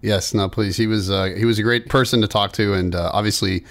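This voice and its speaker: A man's voice: fairly low pitch, steady tone, a little fast. A man hosting a podcast, friendly and asking his guests questions in casual chat. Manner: friendly, asks questions, laughs. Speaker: podcast host.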